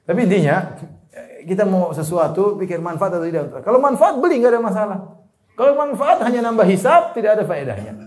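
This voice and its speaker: A man delivers an Islamic sermon in a voice set somewhat high for a man. He presses his main points with raised emphasis, then drops into soft, low asides. Now and then he chuckles at his own homely examples. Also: big pitch swings, fairly quick. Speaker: preacher.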